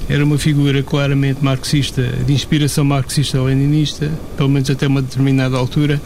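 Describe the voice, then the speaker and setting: A man commenting in a casual discussion, measured and analytical, with some fillers. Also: medium pitch, level tone, a little mellow, slight background noise.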